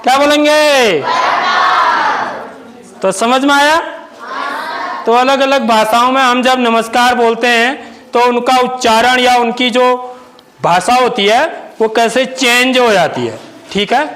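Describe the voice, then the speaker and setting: A male school teacher in a classroom, teaching children and quizzing the class, repeating each word slowly. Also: very high voice, a bit bright, a faint crowd, slight background noise, poor audio. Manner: asks the class questions and repeats words slowly.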